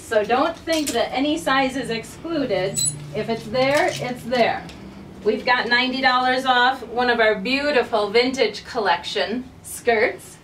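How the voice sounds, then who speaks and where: Upbeat woman pitching a boutique sale. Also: fairly bright tone, far from the mic, a little hiss or hum. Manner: upbeat and chatty, addresses viewers directly. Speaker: boutique owner presenting a sale. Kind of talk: casual promotional talk. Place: inside a clothing boutique.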